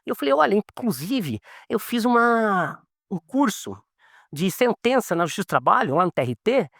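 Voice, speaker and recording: A man's voice: high-pitched, moderate pace, creaky, no room sound, studio quality. A man, a lawyer being interviewed, telling stories casually and acting out the dialogue as he goes. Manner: animated, acts out quoted dialogue.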